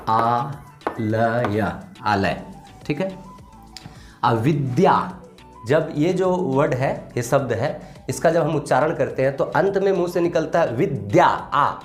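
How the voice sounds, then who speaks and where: A man teaching a grammar lesson, explaining step by step and checking in with the class after each point. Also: on the high side. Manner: explains slowly, repeats a confirming tag often. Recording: echoey room, faint music.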